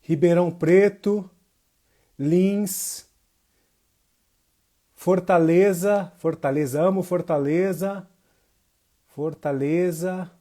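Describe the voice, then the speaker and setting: Extremely slow and full of long pauses, this man's high, steady, warm voice leads a casual livestream lesson where he greets viewers. The capoeira teacher comes from Jacobina, Bahia, Brazil and has a northeastern Brazilian accent. He talks informally with slang, repeating phrases to stress them.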